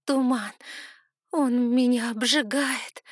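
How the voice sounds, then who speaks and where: A woman's voice: normal speed, no echo, studio quality, lightly acted. A woman voicing a desperate young woman who cries and begs her father for help. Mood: frightened. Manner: high, tearful, pleading cries. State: crying.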